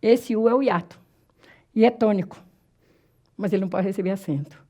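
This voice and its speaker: A woman from Brazil teaching a Portuguese grammar lesson for exam prep, repeating and drawing out key words slowly and asking herself rhetorical questions. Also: medium pitch, dark tone.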